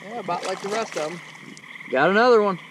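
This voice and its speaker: A fishing vlogger excitedly comments while reeling in catfish on a riverbank at night. His voice sits high and moves fast, and the action camera audio is very noisy, with the mic sometimes far away.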